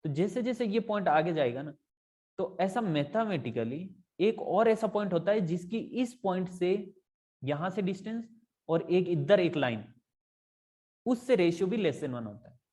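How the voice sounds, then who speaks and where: A man's voice: sits high, lively intonation, unhurried, dark tone. A male math tutor explaining step by step in a casual tutoring lesson, often checking whether his students follow and mixing in English math terms.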